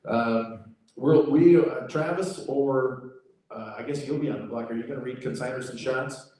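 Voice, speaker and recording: A man's voice: medium pitch, moderate pace, mellow. Echoey, distant American man giving a briefing. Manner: folksy, reassuring, repetitive. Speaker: auctioneer contest organizer. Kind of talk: informal spoken briefing. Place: livestock sale arena. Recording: very echoey hall, distant PA sound.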